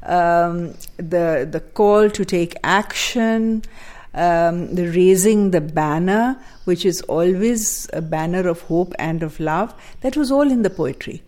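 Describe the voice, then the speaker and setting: An older woman from Pakistan, a guest speaking thoughtfully in conversation, with fillers and soft laughs. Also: fairly low pitch, slow pace. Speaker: guest, daughter of a poet. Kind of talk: reflective conversation.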